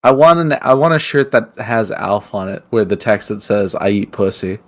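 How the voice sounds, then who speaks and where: A man's voice: lowish voice, normal speed. A man co-hosting a podcast in casual chat, teasing and goofy, sometimes slipping into silly voices. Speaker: podcast co-host.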